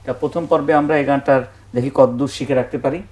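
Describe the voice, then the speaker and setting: A man's voice: mid-range voice, steady tone, fast talker, a little mellow. A man, a music teacher giving a singing lesson to children, patiently counting beats aloud and often checking that they follow.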